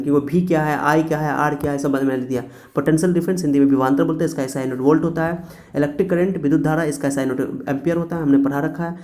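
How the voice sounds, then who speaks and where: A man teaches a physics lesson on his terms. His voice sits a little high and sounds mellow. He drills each point by repeating it and answering his own questions. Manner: repetitive, coaxing, asks and answers own questions. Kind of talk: classroom-style physics lecture.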